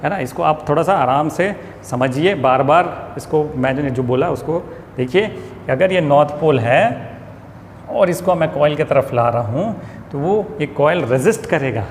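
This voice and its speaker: A man's voice: a little high, expressive. Man teaching physics in a reverberant room. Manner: explains step by step, asks and answers his own questions; switches to slow, careful reading of English statements. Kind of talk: classroom lecture. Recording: long reverb, faint ambient noise.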